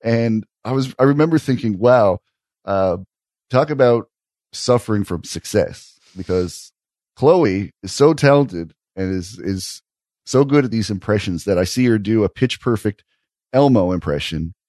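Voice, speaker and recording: A man co-hosting a podcast, talking in a thoughtful, wry way with frequent "uh" pauses. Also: on the low side, animated, darkish tone, dry recording, studio quality. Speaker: podcast co-host reviewing sketch comedy. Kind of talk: casual chat.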